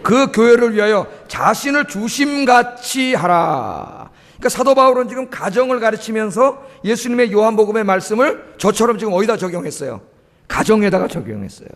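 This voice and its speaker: A middle-aged pastor delivers a sermon in a church sanctuary, his voice pitched well above most men's, expressive and a little fast. He drives his points home emphatically, keeps tossing rhetorical questions at the congregation and prompting them with "eh?", while a long church-hall reverb trails his words.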